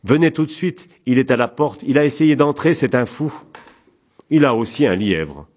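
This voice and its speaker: A man's voice: animated, moderate pace, darkish tone, husky. Frightened farm wife, as a man puts her on. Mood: alarmed. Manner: shrill, urgent, alarmed. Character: suspicious, frightened middle-aged farm wife.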